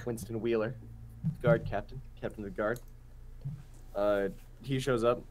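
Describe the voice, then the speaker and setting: A man's voice: lowish voice, fairly even intonation, measured pace, darkish tone, a little hiss or hum. A man narrating as game master of a tabletop game in a loose, filler-heavy way.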